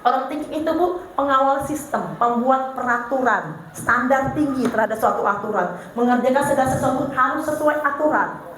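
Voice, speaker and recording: High-voiced Banjar woman in an echoey hall. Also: normal speed. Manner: animated, acts out her husband and herself in funny anecdotes. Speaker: parenting seminar speaker. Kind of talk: lively seminar talk with humorous stories. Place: large hall with an audience. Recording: very echoey hall, faint noise.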